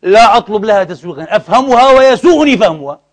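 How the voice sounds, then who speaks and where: A man's voice: high-pitched, animated, quick pace. A man preaching a sermon, impassioned and indignant, who asks rhetorical questions and lets the congregation finish his sentences. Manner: impassioned, indignant, mixes formal and colloquial speech. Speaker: preacher and lecturer.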